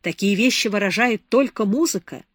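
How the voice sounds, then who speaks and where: A suave, melancholy man with a soft and persuasive way of talking, read by a woman narrator. His lines stay gentle and intimate, close to the reader's own voice. The recording is dry. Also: mid-range voice, normal speed, no echo, natural voice. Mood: tender.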